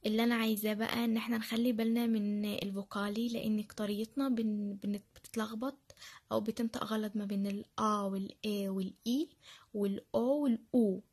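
Egyptian woman chatting thru a screen-share tutorial, kinda husky, pretty flat delivery. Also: medium pitch, fairly quick. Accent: Egyptian Arabic. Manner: chatty, repeats phrases, many fillers. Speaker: language learner sharing study tips.

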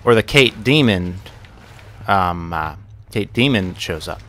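A man's voice: sits low, lively intonation, slow, a bit bright. A young man casually narrating a horror game as he plays, rambling, swearing and muttering to himself, with yelps and curses when something jumps out at him. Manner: yelps and curses at jump scares. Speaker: gaming channel host. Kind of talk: let's play commentary.

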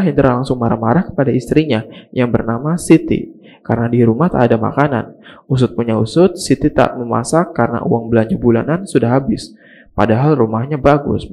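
A man's voice: mid-range voice, warm tone. A man narrating a scripted story recap, with mocking, slangy asides to the audience.

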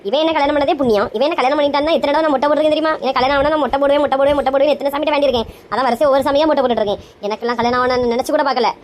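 Woman as a brash scolding mother, rapid-fire. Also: sits high, close to an everyday voice. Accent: Kanyakumari Tamil. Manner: bossy, scolding, melodramatic. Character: brash scolding middle-aged mother, dramatic. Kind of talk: comedy skit acting.

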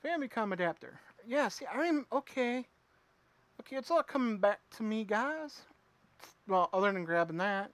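A man streaming himself playing a retro game, chatting with viewers and reacting out loud as he plays. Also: high voice, expressive, normal speed, no room sound. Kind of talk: casual live gameplay commentary.

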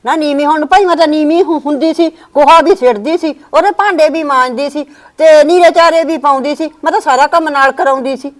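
A woman's voice: sits high, fairly quick, close to an everyday voice. A woman playing a quarrelsome old village mother who complains about her daughter-in-law. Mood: grumbling. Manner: complaining, grumbling. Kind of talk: family drama acting.

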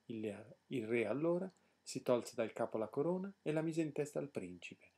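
A man narrates a fairy tale with an expressive, lively storyteller's delivery. His voice is husky and mellow, rising and falling widely. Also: mid-range voice, normal speed.

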